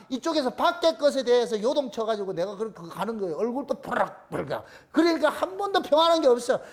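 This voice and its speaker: High-voiced Gyeongsang pastor preaching emphatically. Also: male voice. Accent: Gyeongsang Korean. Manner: emphatic, asks the congregation rhetorical questions and answers them himself; repeats phrases for emphasis. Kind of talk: sermon.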